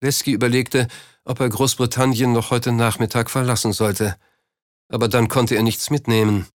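A man reading a novel as audiobook narrator in a steady, measured way. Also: medium pitch, no echo, clean studio sound.

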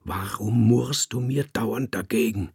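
A man voicing a boastful, tipsy poet and court judge who blusters and shouts his boasts, read with a husky, creaky voice. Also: on the low side, slow, dry recording, studio quality, heavily acted. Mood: gruff. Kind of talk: audiobook character voice.

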